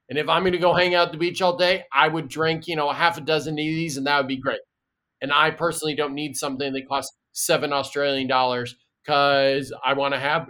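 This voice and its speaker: A man, a guest expert, explaining in a lively and chatty way with stories and asides. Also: on the high side. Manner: animated storyteller, chatty asides. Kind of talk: casual explaining in an interview.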